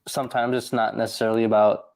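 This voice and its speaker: Halting man in a dry close recording. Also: fairly low pitch, flat delivery, vocal fry, darkish tone, dry recording. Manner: halting, searching for words. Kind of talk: conversation about dating.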